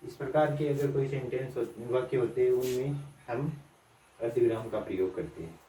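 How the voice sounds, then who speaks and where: A man teaching an online grammar lesson, explaining slowly and repeating points with questions for the students. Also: mid-range voice, warm tone, slight background noise. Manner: slow, repetitive explaining with quiz-like questions to students. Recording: echoey room from a distance.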